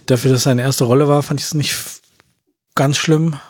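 A man's voice: mid-range voice, fairly even intonation, moderate pace, slightly rough, no echo, studio quality. A man in casual film-review chat, rambling and slangy, trailing off mid-sentence. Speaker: film podcast co-host.

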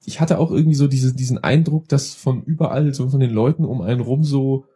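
Very dark, raspy man. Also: medium pitch, steady tone, fairly quick. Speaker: podcast co-host. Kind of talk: casual chat.

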